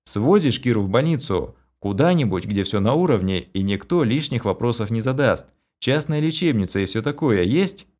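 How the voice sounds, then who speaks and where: A man's voice: medium pitch, lively intonation, normal speed, few pauses, darkish tone, close to an everyday voice. A man voicing a wry, sarcastic young hero in a storybook reading.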